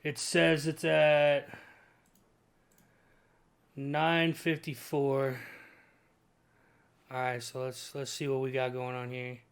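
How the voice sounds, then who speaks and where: A man's voice: mid-range voice, monotone, slow pace, vocal fry, pauses often, smooth. A man casually chatting as the host of a talk show. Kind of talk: casual hosting chat.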